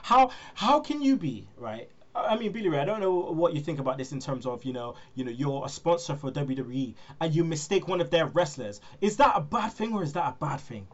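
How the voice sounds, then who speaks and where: A man's voice: on the high side, animated, a little fast, hardly any pauses, a little mellow. Man telling gossip, lo-fi. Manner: storytelling, laughs often, acts out quotes. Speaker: podcast host. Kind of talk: casual wrestling chat. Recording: muffled lo-fi recording.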